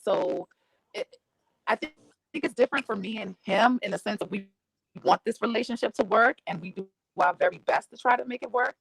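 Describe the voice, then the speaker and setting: A woman's voice: mid-range voice, fairly quick, gravelly, a bit bright, slightly rough, low-quality recording. A woman guest in a casual online chat over a video call, talking earnestly through her points.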